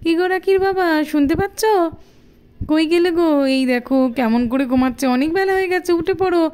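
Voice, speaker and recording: A woman's voice: very high voice, a little fast, a little mellow. A woman voicing a busy, scolding but kind village mother in a doll cartoon. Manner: bustling, scolding. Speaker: voice performer. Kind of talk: doll cartoon narration and voice acting.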